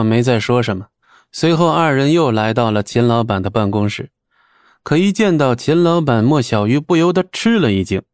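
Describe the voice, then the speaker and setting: A man narrating an audiobook in a steady, even storytelling manner. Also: mid-range voice, no room sound, clean studio sound.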